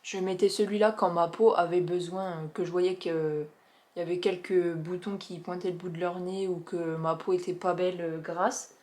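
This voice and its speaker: A young woman talking casually to camera about skincare products she has used up, chatty and enthusiastic, with many filler pauses. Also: lowish voice, flat delivery, darkish tone. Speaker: beauty vlogger reviewing finished products. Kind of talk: casual product review vlog.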